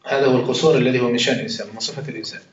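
A man's voice: medium pitch, fairly even intonation, rapid-fire, slight background noise. A man with an Algerian Arabic accent giving an informal Quran commentary lesson, chatting with his listeners, swearing oaths and checking that they follow. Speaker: Quran teacher. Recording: roomy, dull lo-fi recording.

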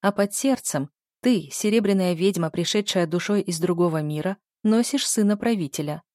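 A woman's voice: lowish voice, normal speed, a little mellow, dry recording, studio quality, natural voice. Commanding floating spirit woman, as a reader puts her on. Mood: cool, knowing. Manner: commanding, imperious. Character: stern mysterious floating female spirit, about thirty. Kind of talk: audiobook character voice.

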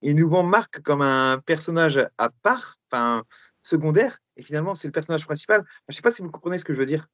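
Fast-talking podcast guest, dry lo-fi. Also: mid-range voice, lively intonation, a bit bright, dry recording. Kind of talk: casual chat.

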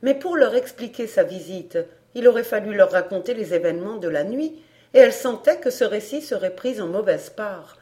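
A woman reading a classic detective novel aloud for an audiobook, measured and even. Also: mid-range voice. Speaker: audiobook reader.

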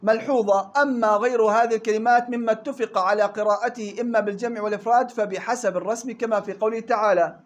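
A man with a Levantine Arabic accent leads a Quran recitation lesson in a fairly high voice, moving briskly from point to point. He keeps pausing to fire questions at his students and explains each rule in plain colloquial speech. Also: fairly even intonation, dull audio. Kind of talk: classroom lesson.

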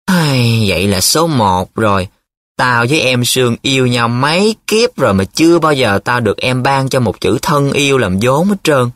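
A man voices a blunt young student who does not believe his friend. His questions come quickly and sharply, and the reading sounds dry and close. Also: medium pitch, lively intonation, a bit bright, no room sound, lightly acted. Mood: mocking.

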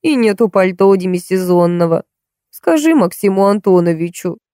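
A woman's voice: medium pitch, lively intonation, normal speed, warm tone, dry recording, studio quality, lightly acted. A woman reading an audiobook, voicing a whining, begging old woman with a cracked, tearful voice. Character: whiny, wheedling old woman, a drinking pensioner.

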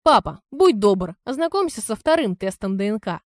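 A woman reading an audiobook, voicing a calm, ironic young man who speaks in a measured way. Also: medium pitch, no echo, studio quality, lightly acted. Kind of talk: audiobook character voice.

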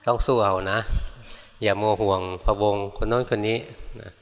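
Here an older man, a monk who teaches, delivers an unhurried and calm Dharma talk. His lowish voice echoes with a long reverb tail as he answers practice reports and mildly admonishes his audience.

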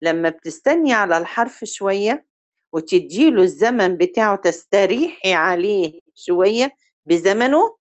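A woman with an Egyptian Arabic accent teaching a recitation review lesson. She quizzes her students and stretches example words out slowly to demonstrate them. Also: mid-range voice.

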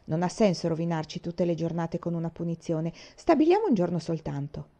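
A woman's voice: on the low side, expressive, brisk, mellow. A woman reading aloud, voicing an outspoken young girl who exclaims her opinions.

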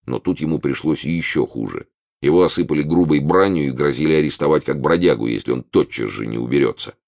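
Deep-voiced male audiobook narrator. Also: gravelly. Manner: expressive storytelling.

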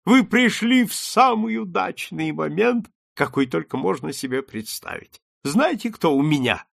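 A man voicing an excitable older English lord who gushes in rising, breathless exclamations. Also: fairly high pitch, unhurried, gravelly, pitched above the performer's own voice, heavily acted. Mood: eager. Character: excitable old male English lord, gushing.

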